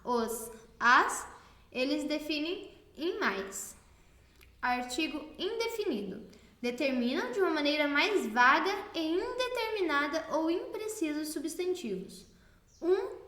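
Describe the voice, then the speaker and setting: A Brazilian woman teacher recording a lesson for children, her voice high and very lively. She slows down and leans hard on stressed syllables. The sound is roomy and echoey. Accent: Brazilian Portuguese. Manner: slow, emphatic, stresses syllables clearly.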